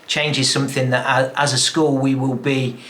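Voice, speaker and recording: A man with a mid-range voice speaks to parents as their school principal. He talks in a measured, steady way and doubles back on the odd word. It comes across as a prepared address. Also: mid-range voice. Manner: measured, with small repetitions.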